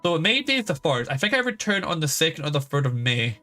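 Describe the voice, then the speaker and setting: Talking fast in a fairly high, sing-song, sharp-toned voice, a male game streamer rambles casually and swears freely. Game music plays in the background behind his voice.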